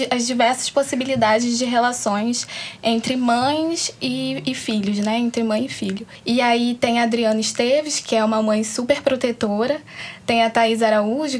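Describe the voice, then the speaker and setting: A Brazilian woman, the host's assistant, asking a guest a measured question. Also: fairly high pitch, a little mellow, slight background noise. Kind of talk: interview question.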